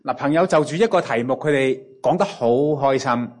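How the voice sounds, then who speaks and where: A sermon is delivered by a medium-pitched man with a Cantonese accent. He speaks in short bursts, stops for interpretation, and often opens with a drawn-out interjection.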